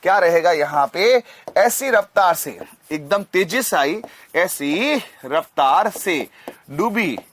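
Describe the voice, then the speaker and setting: A man teaching chemistry in an energetic, motivational way, often repeating phrases and slowing down to drill memory tricks. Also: high voice. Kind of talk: energetic classroom lesson with mnemonic story.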